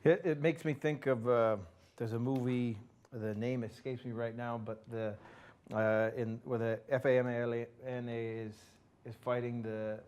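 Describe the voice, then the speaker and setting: A male radio co-host talking in a halting, hesitant way, often pausing on "uh" while he gathers his thoughts. His voice stays flat, with little rise and fall. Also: medium pitch, smooth. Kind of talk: casual interview talk.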